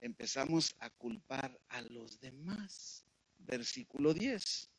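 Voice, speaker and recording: A man's voice: medium pitch, expressive, slow pace, husky, no room sound, poor audio. A man preaching a sermon in a conversational way, often checking in with his listeners through rhetorical questions.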